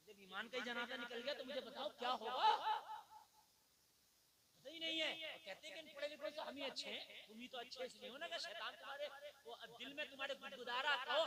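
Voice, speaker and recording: A male preacher giving a fiery sermon at a gathering, swinging between shouting and quiet talk and asking the audience rhetorical questions. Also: very high voice. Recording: live gathering with crowd sound. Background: audience at a public gathering.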